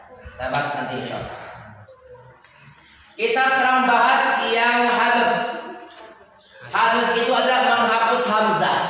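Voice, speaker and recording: Bright-voiced man teaching in an echoey hall. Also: high voice, slight background noise. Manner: lively, chants example words in recitation tones. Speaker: tajwid teacher. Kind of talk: Quran recitation lesson to a class. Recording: roomy hall, voice from a distance.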